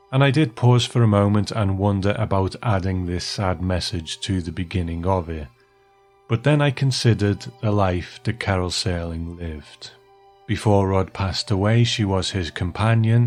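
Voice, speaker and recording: A man with a low, darkish voice hosts a podcast, shifting between a partly prepared monologue and easy chat with a guest.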